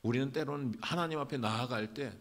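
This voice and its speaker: A man's voice: medium pitch, fast talker, fairly bright tone. A man preaching a sermon as senior pastor, speaking emphatically and dramatically and addressing the congregation directly.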